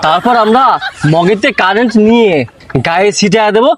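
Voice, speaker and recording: A man playing a boastful, gullible villager in a comic drama, bragging excitedly. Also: high voice, fairly quick, natural voice.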